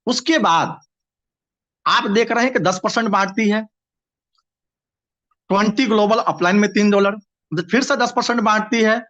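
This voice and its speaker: A man's voice: sits high, fairly bright tone. A man presenting and explaining a business plan to his audience, steadily, with frequent restarts and repeated words. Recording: dull lo-fi recording.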